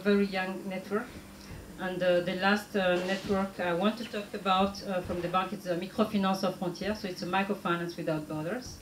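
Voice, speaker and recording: Female guest speaker, Burundian accent, lowish pitch, hesitant and halting, recorded with room echo and background noise. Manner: halting, hesitant delivery with frequent pauses. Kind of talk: talk show presentation.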